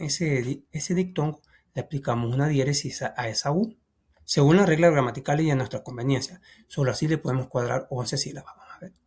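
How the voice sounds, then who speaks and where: A man walks through a textbook lesson in a relaxed, chatty way. He thinks aloud, keeps saying "va", and counts syllables slowly, his voice going soft as he counts. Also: medium pitch. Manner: casual, thinks aloud, often says "va". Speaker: teacher.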